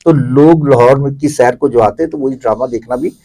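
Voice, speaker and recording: With a medium-pitched, dark voice marked by vocal fry, a Pakistani-accented theatre commentator, middle-aged or older, gives reflective interview answers. He explains things at length in a discursive manner as the guest.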